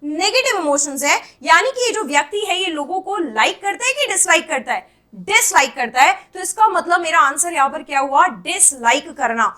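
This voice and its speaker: Woman, very high bright voice, teacher drilling vocabulary with call-and-answer. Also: expressive, normal speed. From India. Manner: quizzing students with repeated questions and answers. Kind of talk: exam-prep English vocabulary lesson.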